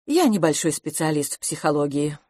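A woman's voice: sits low, big pitch swings, fairly quick, dark tone, no room sound, clean studio sound. Woman as a prim, earnest middle-aged spinster.

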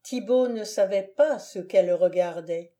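Woman, audiobook narrator, measured, deliberate, unhurried, warm dark tone. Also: mid-range voice. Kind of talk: scripted narration of a classic novel.

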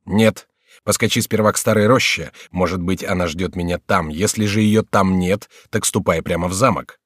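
A man's voice: low-pitched, moderate pace, fairly bright tone, no echo, studio quality. Man voicing an urgent young nobleman. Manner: urgent, exclamatory.

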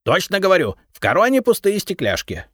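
Brash, smug treasure-finder, voiced by a man, lively and bouncing, dry close mic. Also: mid-range voice, normal speed, dry recording, voice pushed up. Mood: defiant, cocky. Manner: defiant, argumentative. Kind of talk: audiobook character reading.

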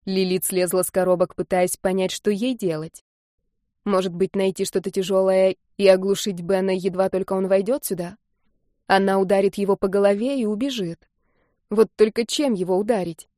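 A woman narrating an audiobook in a measured, even storytelling manner on a close studio mic. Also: medium pitch, no echo.

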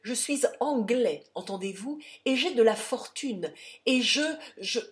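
A woman's voice: mid-range voice, animated, normal speed, a little mellow, close to an everyday voice. A woman voicing a pompous English army captain who blusters and stammers in indignation. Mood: indignant.

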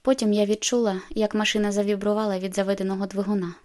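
A woman reading an audiobook in an even, subdued way. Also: medium pitch, quick pace. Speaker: audiobook narrator. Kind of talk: scripted narration.

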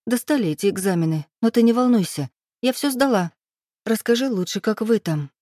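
Anxious young woman near tears, high and strained, as the reader puts her on; dry close sound. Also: normal speed, dark tone, no room sound, close to an everyday voice.

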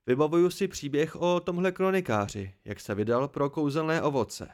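A man's voice: fairly high pitch, a little mellow, close to an everyday voice. A man doing a boastful old village storyteller.

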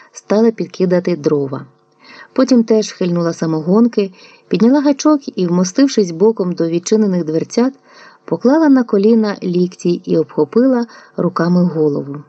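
A woman reads literary prose for an audiobook in a calm, measured storytelling voice. Her tone is low and mellow. The recording is dry and somewhat dull and lo-fi. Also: dry recording. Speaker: audiobook narrator.

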